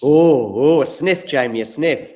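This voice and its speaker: A man's voice: a little high, unhurried, warm tone. A man hosting a live tennis watchalong, giving casual running commentary and chatting with his co-hosts. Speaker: watchalong host.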